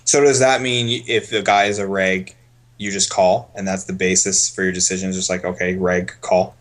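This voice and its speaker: A man coaching poker on a casual stream, thinking aloud in a relaxed way as he explains each hand. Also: low voice, moderate pace.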